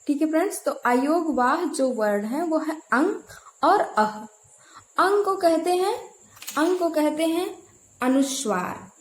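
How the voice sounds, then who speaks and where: A woman with a high voice, lively intonation and a measured pace teaches Hindi grammar, asking questions of her own and repeating key terms for drilling. The echoey recording has a little hiss or hum.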